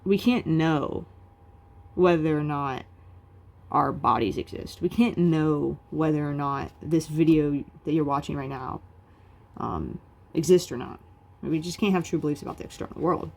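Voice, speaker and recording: A woman explains philosophy in a video lecture, her voice low, warm, soft, and creaky. She's loose and chatty, leaning heavily on fillers like "um" and "like" to fill her pauses.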